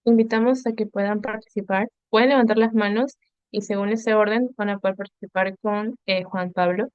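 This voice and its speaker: A woman's voice: mid-range voice, fairly even intonation, moderate pace, clear, resonant tone, no echo, lo-fi sound. A woman politely inviting participants to raise their hands to ask questions. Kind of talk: announcement.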